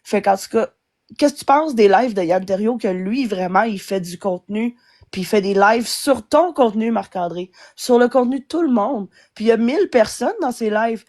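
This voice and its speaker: A woman's voice: fairly high pitch, normal speed, darkish tone. Angry ranting Québécois woman. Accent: Québécois French. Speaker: guest. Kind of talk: angry live-stream rant.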